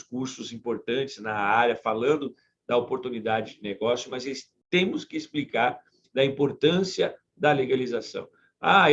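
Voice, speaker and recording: A man in his forties, an animal breeder, teaching a live online class in an informal way, with many fillers and repetitions. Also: medium pitch. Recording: slightly dull sound with faint noise.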